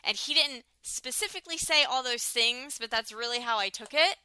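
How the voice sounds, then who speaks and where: A young woman co-hosting a podcast chats casually about a reality show, getting fired up and acting out what people said. Her voice is bright, crisp, and on the high side, at a moderate pace. The sound is dry and close with no echo.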